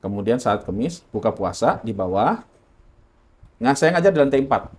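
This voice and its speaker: A man's voice: mid-range voice, lively intonation, moderate pace, husky. A man from Indonesia telling his personal story in an interview, earnest and correcting himself often.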